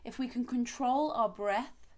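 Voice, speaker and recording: A woman instructing as a yoga teacher, guiding breathing in short, measured, spaced phrases. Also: a little high.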